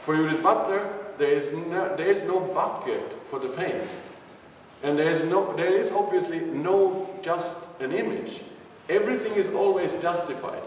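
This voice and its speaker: A man's voice: high voice, normal speed. A man giving a live lecture, casual and irreverent, thinking aloud with frequent restarts. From Sweden. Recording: echoey hall, speaker far from the mic, faint noise.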